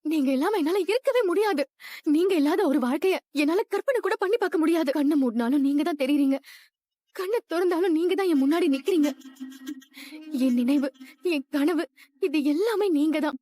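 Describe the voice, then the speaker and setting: A woman's voice: very high-pitched, animated, a little fast, mellow, no echo. A woman playing a rich young woman who is obsessively in love, with a clingy, pleading and insistent manner in a dubbed drama.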